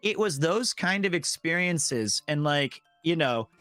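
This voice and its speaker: Guy voice actor telling a crazy story, a bit higher voice, animated, acting out voices. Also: unhurried, no room sound, faint music behind. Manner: animated, acts out quoted voices. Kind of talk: casual storytelling on stream.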